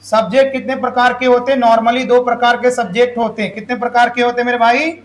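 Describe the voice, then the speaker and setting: A man teaches English grammar to a classroom. His voice sits very high for a man. He keeps throwing questions at the students and has them repeat the answers aloud. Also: level tone, fast. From Jharkhand, India.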